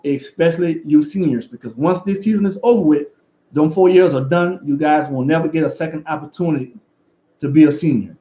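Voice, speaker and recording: Fast-talking Louisiana coach, echoey room. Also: male voice, fairly high pitch. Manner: fast, excited, repetitive emphasis. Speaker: defensive back coach and YouTuber. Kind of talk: motivational talk to camera. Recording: echoey, dull lo-fi room sound.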